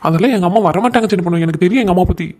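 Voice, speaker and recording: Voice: medium pitch, rapid-fire, darkish tone, lightly acted. A voice actor playing a meek young husband in a cartoon comedy, pleading and apologetic. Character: meek young husband caught between wife and mother.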